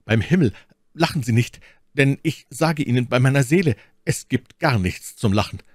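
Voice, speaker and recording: A man's voice: medium pitch, big pitch swings, measured pace, no echo, studio quality, voice pushed up. A man voicing a hot-blooded young man who speaks with urgency and emphasis. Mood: urgent.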